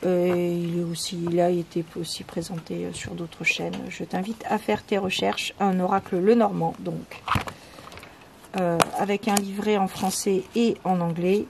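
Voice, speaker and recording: A woman hosting a casual video about her oracle cards, talking with many pauses, fillers and restarts. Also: on the low side. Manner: reads card texts in a soft, calm tone. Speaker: channel host presenting oracle cards. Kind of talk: casual chat. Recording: home video with clear background noise.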